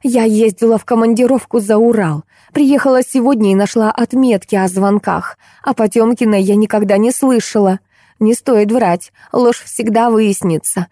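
Woman doing a cross middle-aged woman, shrill, accusing, mellow dark tone, dry close sound. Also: normal speed, no echo, close to an everyday voice. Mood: angry. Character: rude irritable middle-aged woman artist.

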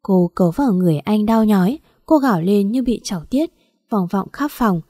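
Mellow-voiced woman reading a story. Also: mid-range voice, expressive, normal speed, no echo, studio quality. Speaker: audiobook narrator. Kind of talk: scripted story narration.

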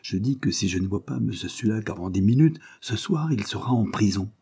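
A man voicing a cunning male detective who pretends to be naive and then presses with quiet urgency. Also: lowish voice, animated, brisk, vocal fry, breathy edge, heavily acted. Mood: urgent.

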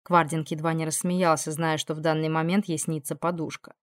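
A woman narrating an audiobook in an even, measured storytelling voice. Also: deep voice, no echo, clean studio sound.

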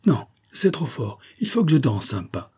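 A man's voice: medium pitch, sing-song, normal speed, mellow, husky, pitched above the performer's own voice. A man doing an exuberant one-armed patriot. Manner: exuberant, cheerful, talkative. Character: jovial, excitable one-armed male patriot worker. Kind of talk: audiobook character voice.

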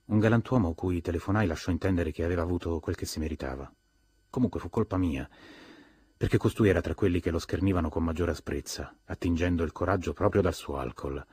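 Deep husky male audiobook narrator. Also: a little mellow, no room sound. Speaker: audiobook reader.

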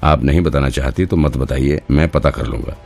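A man voicing a calm, authoritative male detective in an audiobook. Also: rumbling low, normal speed, creaky, soft background music, full character voice. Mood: firm.

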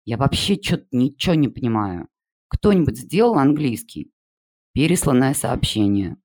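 Deadpan male reader of a comic story. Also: medium pitch, moderate pace. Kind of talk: reading a humorous story aloud.

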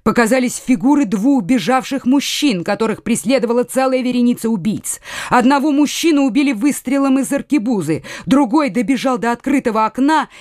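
A woman's voice: fairly high pitch, expressive, a little fast, darkish tone, no echo. Woman reading an audiobook, dry and close. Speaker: audiobook narrator.

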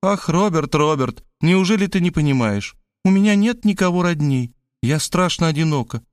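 Audiobook figure: man raising his voice to play a doting, melodramatic woman, high and gushing, dry close sound. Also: lively intonation, normal speed, clean tone, no room sound, lightly acted. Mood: doting, dramatic. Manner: gushing, pathetic exclamations, high-pitched. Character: pleading, theatrical middle-aged woman, doting and dramatic. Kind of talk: audiobook character voice.

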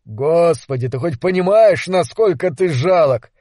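A man voicing a big, scornful young bully who talks slowly and with threat, in an audiobook. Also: on the high side, lively intonation, no room sound, clean studio sound. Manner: loud, slow and menacing.

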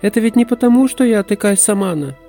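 Audiobook: male reader plays a desperate young forest woman, high and breathless. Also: brisk, warm tone, faint music behind, natural voice. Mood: pleading. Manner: pleading, breathless, intense.

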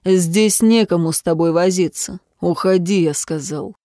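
A woman's voice: on the low side, measured pace, warm tone, dry recording, studio quality, close to an everyday voice. A woman voicing a rude, curt young man who growls his short replies. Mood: gruff.

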